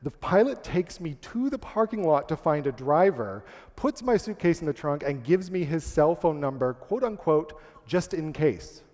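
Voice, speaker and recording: Man, stage storyteller, comic, self-deprecating, slightly high voice, reverberant hall. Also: very animated, moderate pace, few pauses, darkish tone. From Canada. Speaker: speaker.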